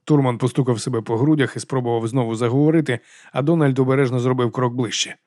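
A man narrating an audiobook in steady, measured scripted storytelling. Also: mid-range voice, no room sound, studio quality.

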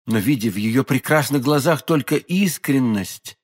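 A man reads a classic novel aloud as an audiobook, his medium-pitched voice measured and expressive in a storytelling style.

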